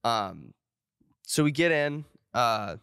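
A man's voice: mid-range voice, big pitch swings, slow pace, fairly bright tone, clean tone, no room sound, studio quality. A young man co-hosting a podcast, rambling through a story with lots of filler words. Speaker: podcast co-host. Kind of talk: casual podcast chat.

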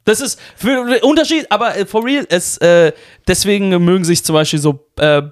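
Young male co-host from Baden, casual storyteller, slightly high voice. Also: normal speed, no echo, studio quality. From Baden, Germany. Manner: storytelling, swearing, hesitant fillers. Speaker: podcast co-host. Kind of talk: casual chat.

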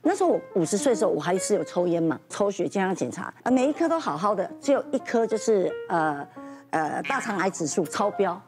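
A woman in her fifties with a Taiwanese accent, telling a personal story in a lively, casual way and acting out other people's voices. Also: medium pitch, fast, few pauses, soft background music. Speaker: guest.

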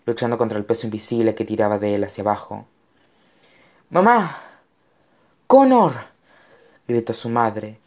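A man's voice: lowish voice, dark tone. A man narrating an audiobook with dramatic storytelling. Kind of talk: scripted narration.

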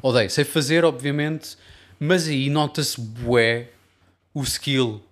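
A man's voice: mid-range voice, fairly even intonation, slow pace, a bit bright. A man with a European Portuguese accent chatting casually as a music producer, swearing and dropping English phrases into his slangy talk. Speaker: music producer and mix engineer. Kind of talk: casual podcast chat.

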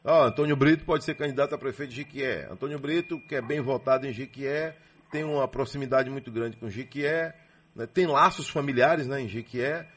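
A Brazilian radio host conducting an interview, asking chatty leading questions. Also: male voice, medium pitch, a little fast, husky.

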